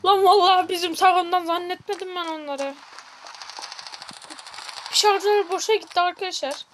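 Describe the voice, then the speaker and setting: A woman gaming streamer giving live gameplay commentary, excitable and yelping repeated words in tense moments. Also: very high-pitched, moderate pace, noisy background. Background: loud game music and gunfire.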